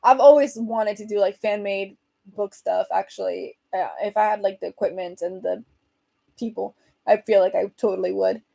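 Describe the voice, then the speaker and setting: A young Venezuelan woman hosts a livestream, chatting casually and reading viewer comments aloud with plenty of fillers. Spanish is her first language and she has a Venezuelan accent. Her medium-pitched voice is steady, creaky and mellow, moving at a normal pace.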